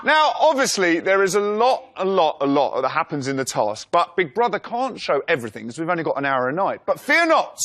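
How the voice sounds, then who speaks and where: Chatty comedian, high voice. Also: male voice, sing-song, brisk, hardly any pauses. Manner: chatty and jokey, seeks crowd approval. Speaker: comedian and impressionist. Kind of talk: stand-up comedy segment. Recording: loud live studio audience.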